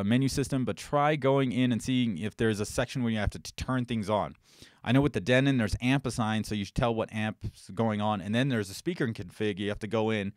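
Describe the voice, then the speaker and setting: A man's voice: medium pitch, dry recording, clean studio sound. A man hosting a live-stream Q&A, chatting loosely and getting heated and swearing as he rambles. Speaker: host.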